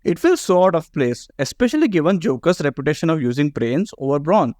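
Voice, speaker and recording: A man's voice: fairly high pitch, big pitch swings, fairly quick, darkish tone, dry recording, clean studio sound. A man narrating a scripted video game commentary in a sarcastic, profane way.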